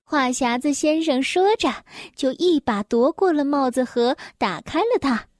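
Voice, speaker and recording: A woman reading a children's story aloud in a gentle, expressive storytelling voice. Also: high-pitched, a little slow, dry recording, clean studio sound.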